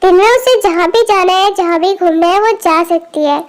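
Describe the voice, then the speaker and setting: An indulgent middle-aged mother who stands up for the girl, as a woman voices her. The voice is very high, with no real change from the other roles in this fan audio drama. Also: moderate pace. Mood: defensive. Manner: defensive, indulgent.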